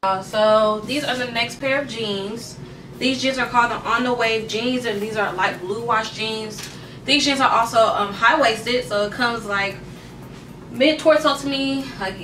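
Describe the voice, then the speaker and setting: A woman's voice: on the high side, normal speed, bright, forceful tone, far from the mic, slight background noise. A young woman chatting casually through a clothing try-on in her bedroom, full of fillers and "y'all," tired and out of breath. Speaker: vlogger. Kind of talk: casual try-on haul chat. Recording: roomy echo, from off the mic.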